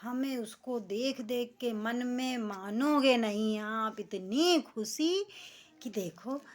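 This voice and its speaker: A woman's voice: on the high side, slow pace. Chatty middle-aged woman telling a story. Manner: chatty, expressive, homely storytelling. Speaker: vlogger. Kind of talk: casual storytelling.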